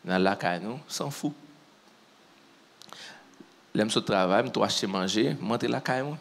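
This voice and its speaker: A man's voice: on the low side, moderate pace, creaky. Man telling a sermon story. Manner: animated storyteller who acts out what people said. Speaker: preacher.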